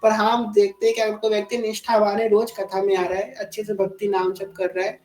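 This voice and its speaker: A woman delivers a devotional discourse in an echoey room. She stretches out the verses she recites, then explains them simply and asks her listeners direct questions. Her voice sits at a middle pitch. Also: level tone, brisk, a little mellow, distant mic. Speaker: spiritual discourse speaker. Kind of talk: devotional discourse to a live gathering.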